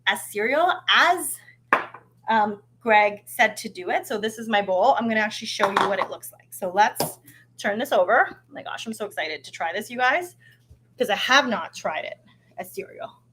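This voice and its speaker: A woman's voice: medium pitch, lively intonation, normal speed, background noise. A woman from Canada hosting a live cooking stream, chatty and upbeat with lots of fillers and restarts. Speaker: host of a live cooking show. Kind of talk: casual live-stream chat.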